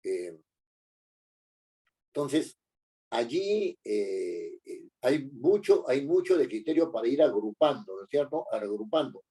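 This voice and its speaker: Guy teaching a class, lots of "eh" and "no?", dark kinda husky voice. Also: medium pitch, very animated, slow pace, long pauses. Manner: hesitant, many fillers and tag questions. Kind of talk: lecture.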